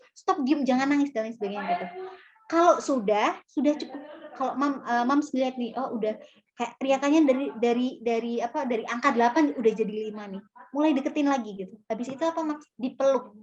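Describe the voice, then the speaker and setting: Young woman, psychologist, casual webinar talk, a bit high, dull call audio. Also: darkish tone. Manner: casual, many fillers and restarts; acts out mother and child lines. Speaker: psychologist guest speaker.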